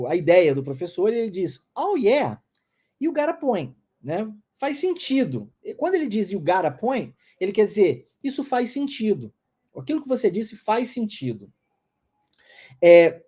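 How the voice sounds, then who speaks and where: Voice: mid-range voice, dark tone. An English teacher, explaining step by step in an online pronunciation lesson and modeling phrases for listeners to repeat.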